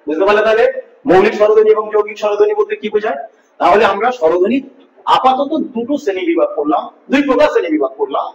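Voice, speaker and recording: A man's voice: sits high, slight background noise. A male teacher giving a grammar lesson, patiently repeating each point and asking his students questions. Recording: echoey room, distant mic, dull lo-fi.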